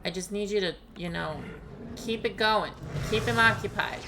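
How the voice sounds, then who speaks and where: A woman giving casual, animated let's play commentary, talking to the game and her viewers. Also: medium pitch, moderate pace, background noise. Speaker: game streamer.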